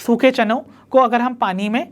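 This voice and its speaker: A woman giving an online biology lecture, slowly dictating definitions and often checking that students follow. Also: a little high, fairly even intonation. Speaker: biology teacher. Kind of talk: online exam-prep lecture.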